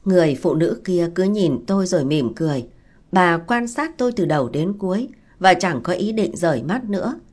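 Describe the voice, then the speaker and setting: Low-voiced woman narrating a story. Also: lively intonation, normal speed, a little mellow. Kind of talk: first-person story narration.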